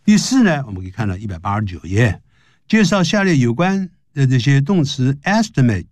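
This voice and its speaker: A man teaching English grammar on a broadcast lesson, explaining in Chinese and reading English example sentences slowly and carefully. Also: mid-range voice, big pitch swings, a little mellow, dry recording.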